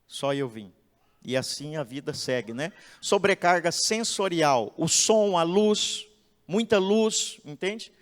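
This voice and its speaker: Animated pastor in a church. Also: male voice, on the high side, takes it slowly. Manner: animated, acts out quotes, asks "entende?". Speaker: pastor giving a talk. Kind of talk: expressive sermon-style lecture. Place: church hall. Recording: echoey church hall.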